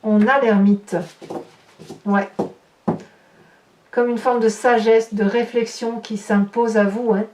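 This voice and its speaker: A woman tarot reader with a fairly high voice talks her way through a spread, musing and hesitant and posing rhetorical questions to the viewer. She sits some way from the mic, and the room around her rings with reverb. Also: level tone, takes it slowly, long pauses, darkish tone, slight background noise. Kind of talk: tarot reading to camera. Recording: roomy, distant mic.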